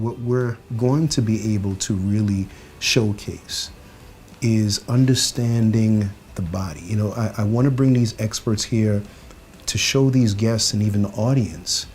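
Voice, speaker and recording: A man's voice: on the low side, darkish tone, slight background noise. A man hosting a nutrition series, talking enthusiastically with hesitant fillers. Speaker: series host. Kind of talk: promotional interview.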